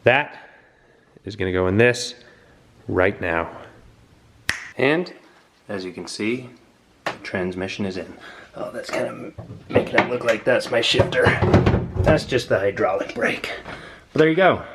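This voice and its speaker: A man hosting a casual garage vlog, talking excitedly to the camera as he works on a car build. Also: lowish voice, unhurried, long pauses, echoey room, background noise. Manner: excited, chatty, talks to camera while working on the car. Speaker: car builder and channel host.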